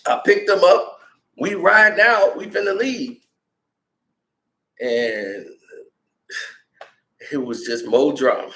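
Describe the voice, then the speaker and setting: A man vlogging, telling a casual, slangy anecdote in an animated way, in a roomy, echoey room. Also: on the high side, slow pace, pauses often. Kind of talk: casual storytelling.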